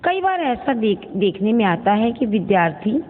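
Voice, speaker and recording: A woman's voice: medium pitch, sing-song. Woman teacher, tinny echoey recording. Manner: slow, careful, repeats each word to contrast wrong and right forms; addresses pupils fondly as children. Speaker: school teacher. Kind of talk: recorded online grammar lesson for children. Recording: tinny phone-like audio with long reverb and faint noise.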